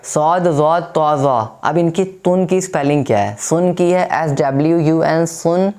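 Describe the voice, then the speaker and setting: A man from India gives a recorded reading lesson in a smooth, mellow voice. He recites letter drills slowly and clearly, then explains them briskly, mixing English words into his teaching. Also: on the high side.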